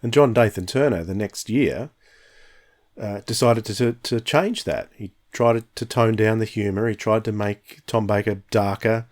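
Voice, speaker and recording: The voice of this fifty-something podcast host is lowish and darkish, moving at a moderate pace. He talks casually, reflective and keen, restarting phrases frequently.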